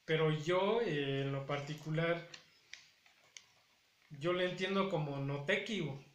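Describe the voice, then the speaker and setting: Recorded with a little hiss or hum in an echoey room, a Nahuatl teacher from Puebla, Mexico delivers a lesson to camera. His voice is on the high side and slow, and he patiently repeats each word to model its pronunciation.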